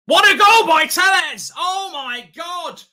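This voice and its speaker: Casting: middle-aged male football fan host, long shouted goal yells, bright forceful voice. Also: extremely high pitch, expressive, slow. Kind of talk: excited fan reaction commentary. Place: indoor streaming studio.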